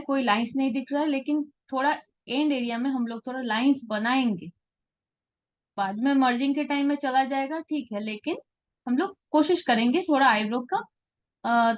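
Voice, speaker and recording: A woman's voice: high-pitched, highs cut off. A woman teaching a live portrait-drawing class, explaining patiently and often checking that her students follow. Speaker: art teacher.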